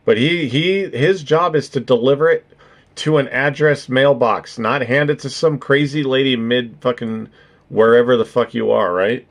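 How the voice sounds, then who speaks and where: A man's voice: medium pitch, normal speed. A man giving casual, rambling reaction commentary, swearing freely and tacking "right?" onto his points. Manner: rambling, profane, keeps adding "right?". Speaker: streamer reacting to videos.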